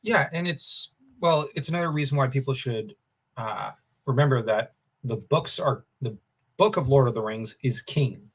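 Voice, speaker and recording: A man's voice: mid-range voice, normal speed, husky. A man co-hosting a casual book discussion podcast, enthusiastic and opinionated, thinking aloud with fillers. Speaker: podcast co-host.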